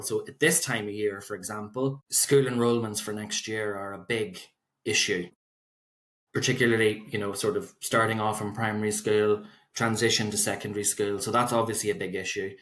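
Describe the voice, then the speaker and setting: Irish guy, kinda low voice, expert guest explaining stuff point by point in an interview. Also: fairly bright tone. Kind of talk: conversational interview answers.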